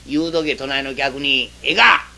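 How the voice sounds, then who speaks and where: A man's voice: medium pitch, steady tone, a little slow. A man voicing a boastful, rowdy young traveler with a Kansai accent, partying at an inn in a comic storytelling performance. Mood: bragging, threatening. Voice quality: loud, brash, threatening. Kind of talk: Kamigata rakugo storytelling.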